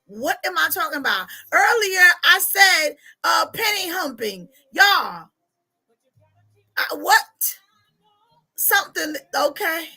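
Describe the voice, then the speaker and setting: A woman chats on a livestream as a life coach. Her voice is very high and bright, with slow, drawn-out delivery. She talks in an animated way and laughs often. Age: 40s. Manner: animated, laughing, chatty, reads comments aloud. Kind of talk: casual livestream chat.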